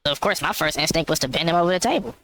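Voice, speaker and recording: A man's voice: a little high, lively intonation, rapid-fire, bright, forceful tone, slight background noise. A man delivering a mock-serious comedy monologue, insisting on absurd claims. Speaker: skit comedian.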